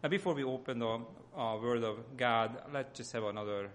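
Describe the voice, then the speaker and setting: A Hungarian-accented man delivers an informal sermon as a lay church speaker, frequently halting while he hunts for words. His voice is medium-pitched, with slight background noise.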